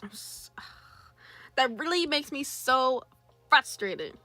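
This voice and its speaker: A woman's voice: high voice, sing-song, takes it slowly, pushed and bright, no echo, faint music behind. A young woman chatting casually on a drawing livestream, reading chat aloud and greeting viewers. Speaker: streamer.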